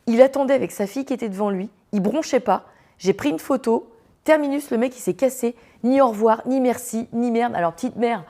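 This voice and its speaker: A woman podcast host tells anecdotes casually, in a chatty, slangy storytelling style full of fillers. Her voice is warm and mid-range.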